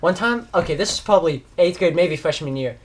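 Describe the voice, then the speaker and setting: A man's voice: a little high, lively intonation, a little fast. A teenage man hosting a podcast, telling rambling stories in casual chat and laughing through them. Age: teens. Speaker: podcast host.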